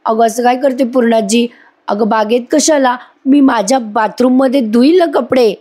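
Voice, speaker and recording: A woman's voice: fairly high pitch, moderate pace, warm tone, voice pushed up, lightly acted. A woman voicing a scheming young wife in a TV serial recap, whining and protesting in a raised voice.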